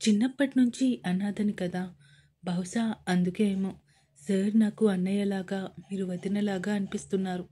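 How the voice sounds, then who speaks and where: A woman's voice: medium pitch, steady tone, moderate pace, warm tone, slightly rough, lightly acted. A woman voicing a shy young orphaned woman who speaks earnestly and emotionally in a romance story. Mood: tearful.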